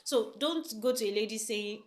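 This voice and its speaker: Speaking at a normal speed with a fairly high voice, a young woman gives relationship advice in a casual talk to camera. Her manner is chatty and emphatic, full of rhetorical questions.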